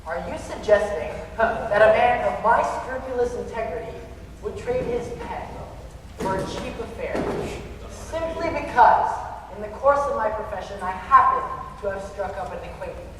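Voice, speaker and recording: Heard from far off in a noisy, very echoey hall, an actor plays a pompous theatre critic. His fairly high male voice declaims floridly, full of self-importance, in stage farce style. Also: animated, moderate pace, natural voice. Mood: pompous indignation. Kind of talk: farcical stage play acting.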